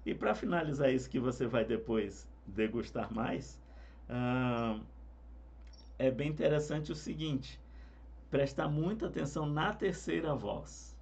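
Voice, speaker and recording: A man, a singing teacher explaining harmony parts in a relaxed, conversational way. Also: mid-range voice, a little slow. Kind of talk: explaining vocal harmony with sung examples.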